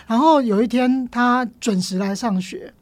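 A woman with a Taiwanese Mandarin accent, a teacher telling stories as a podcast guest in an expressive way. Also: fairly high pitch, moderate pace, no echo. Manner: lively, expressive storyteller. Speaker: guest, elementary school teacher. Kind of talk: storytelling in a podcast interview.

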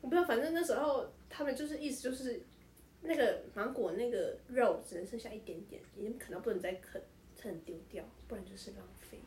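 A woman, co-hosting a casual podcast and telling family stories in an animated, teasing way. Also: on the high side, quick pace. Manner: animated storyteller, teasing, laughs often. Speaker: podcast co-host. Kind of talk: casual chat. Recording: roomy echo, faint background noise.

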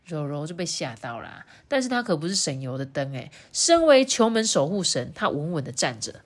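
A woman reading a picture book aloud to children, lively and playful, with chatty asides. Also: low voice, brisk. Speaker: storyteller.

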